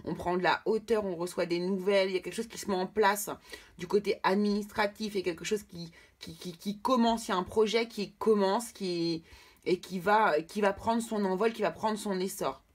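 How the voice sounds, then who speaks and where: A woman's voice: mid-range voice, fairly even intonation, brisk, husky. A woman from France doing a casual tarot reading for viewers, often hesitant and repeating her words. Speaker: tarot card reader.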